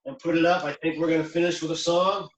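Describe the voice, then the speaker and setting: Man, host, rambling with fillers, slightly high voice, roomy echo, far from mic. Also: steady tone, fast, slight background noise. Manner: loose, rambling, many fillers. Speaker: host of a charity video call. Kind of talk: casual closing remarks on a video call. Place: outdoors near the water. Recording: echoey, distant from the mic.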